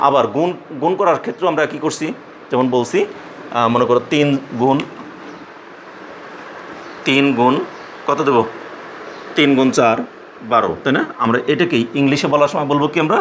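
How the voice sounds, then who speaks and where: A man teaching a math class for young students, explaining step by step with many repeats, small pauses and check-in questions. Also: medium pitch, fairly bright tone, slight background noise. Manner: patient, repetitive explaining with frequent fillers and questions.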